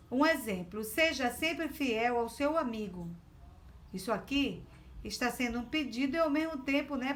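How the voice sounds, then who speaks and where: A woman from Brazil, a teacher, walks through a lesson in a fairly high voice. She speaks very slowly and patiently, going step by step. A faint hiss of background noise sits under her voice. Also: fairly bright tone. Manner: slow, patient, explaining step by step. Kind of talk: remote class lesson.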